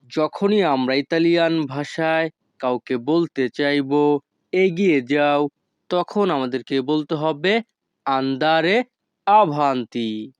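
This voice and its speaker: A man teaching a language lesson who speaks slowly and deliberately, repeating each foreign phrase carefully. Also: a little high, darkish tone, smooth, no room sound, lo-fi sound.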